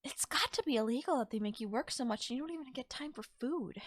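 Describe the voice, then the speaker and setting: A voice actress plays a caring, affectionate girlfriend comforting her tired partner in a soft, intimate ASMR roleplay, speaking tenderly, soothingly and coaxingly, sometimes in breathy near-whispers. Her voice is high-pitched with lively intonation and a fast pace. The close-mic recording is dry and clean, studio quality.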